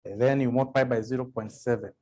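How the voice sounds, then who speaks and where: Husky man tutoring exam sums. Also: mid-range voice, fairly even intonation, quick pace, darkish tone. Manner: works sums aloud, asks the class questions. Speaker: accounting tutor. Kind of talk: exam revision lecture.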